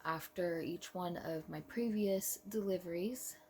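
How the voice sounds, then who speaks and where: A young woman vlogger telling a personal story in an earnest, emotional way, with soft pauses. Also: lowish voice, a little hiss or hum.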